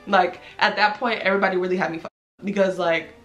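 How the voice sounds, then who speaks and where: A woman in her twenties from the United States, telling a storytime vlog in animated, slangy casual talk. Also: quick pace, soft background music. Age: 20s. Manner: animated storytelling, acts out quotes in a loud high voice. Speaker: vlogger. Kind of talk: storytime chat.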